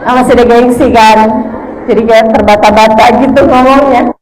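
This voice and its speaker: A woman in her forties from Indonesia, an Islamic preacher giving a sermon to women, telling stories in a lively way and acting out what a husband and a wife say. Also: a little high, fairly quick, a faint crowd, slight background noise, poor audio. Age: 40s. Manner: lively storytelling, acts out voices of husband and wife.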